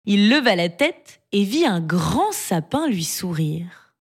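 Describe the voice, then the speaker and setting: Expressive woman telling a fairy tale. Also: mid-range voice, slow pace. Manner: expressive, lively reading. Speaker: storyteller. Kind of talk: storybook narration. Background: background music.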